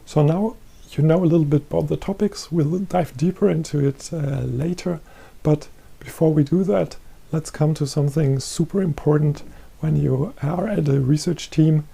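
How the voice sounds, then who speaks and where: Gravelly, mellow-voiced man presenting. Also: fairly high pitch, moderate pace. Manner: explanatory, repeats himself. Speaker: chair holder presenting research. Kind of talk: presentation lecture. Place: green-screen studio.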